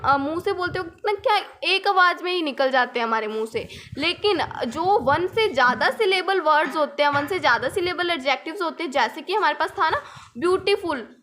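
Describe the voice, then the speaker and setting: A woman's voice: very high voice, bright, forceful tone, a little hiss or hum. A young woman teaching English grammar in Hindi, patiently repeating points and asking the viewer rhetorical questions. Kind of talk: explaining grammar lesson in Hindi with English examples.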